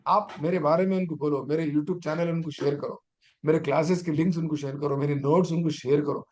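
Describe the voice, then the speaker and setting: A man's voice: fairly high pitch, fairly even intonation, a little fast, a little mellow, slight background noise. A middle-aged man, a teacher trainer giving an online exam-prep lecture and urging his students on with rhetorical questions.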